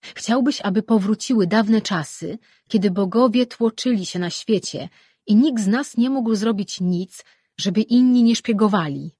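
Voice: mid-range voice, brisk, few pauses, mellow, no room sound, studio quality, pitched above the performer's own voice, natural voice. An audiobook reader voicing a scornful, quarrelsome goddess who speaks in a raised, cutting tone. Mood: contemptuous.

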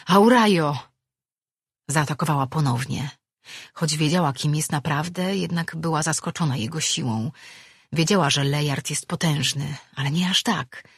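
An audiobook narrator reading a fantasy novel in steady scripted narration. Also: medium pitch, moderate pace, husky, no room sound, studio quality.

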